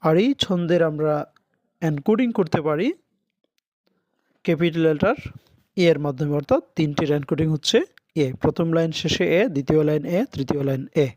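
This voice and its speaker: A man teaching an English lesson, reading English lines slowly and translating them into Bengali. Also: a little high, darkish tone, no echo. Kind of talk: recorded lesson.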